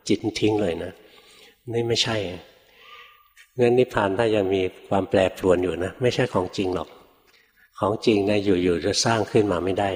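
An older man, a Buddhist monk, giving a relaxed, folksy storytelling sermon, often ending phrases with a soft tag particle. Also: on the low side. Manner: relaxed, folksy, peppers speech with a soft tag particle, acts out quoted voices. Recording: long hall reverb.

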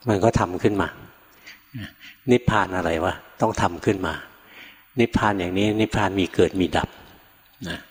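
พระชายสูงวัย เสียงทุ้ม เทศน์ในห้องโถงก้องกังวาน. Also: male voice, sits low, normal speed, pauses often. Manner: relaxed anecdotal telling, acting out quoted lines, chuckling. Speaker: Buddhist monk teacher. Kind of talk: storytelling Dharma talk. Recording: long reverb from a hall.

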